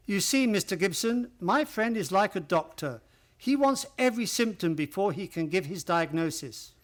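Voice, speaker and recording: An actor playing a genial, loyal, courteous gentleman doctor, a detective's companion, in an old-fashioned radio play manner. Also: high voice, animated, normal speed.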